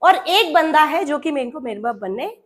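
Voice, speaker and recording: A high-pitched woman teaching an English grammar class. She speaks to her students in a familiar way, calling them "beta," and turns grammar words into little characters who talk to each other. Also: expressive, moderate pace. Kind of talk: classroom lesson.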